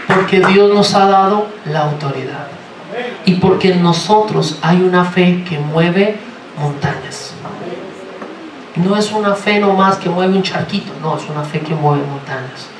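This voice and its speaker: A man from Colombia with a Colombian accent, preaching a sermon in a lively, joking way and asking the congregation many rhetorical questions. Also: high voice, a little slow, background noise. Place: church sanctuary. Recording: roomy, from far off, faint ambience.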